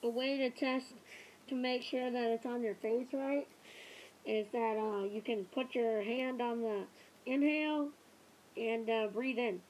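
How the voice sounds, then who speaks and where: A woman's voice: on the high side, steady tone, a little slow, slight background noise. Muffled woman talking through a gas mask. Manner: talking loudly, almost yelling. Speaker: vlogger. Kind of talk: casual product review.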